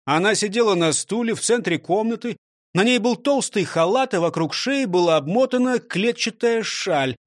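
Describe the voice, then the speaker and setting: A man narrating a children's story in an animated, expressive reading. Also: high-pitched, moderate pace, dry recording, studio quality.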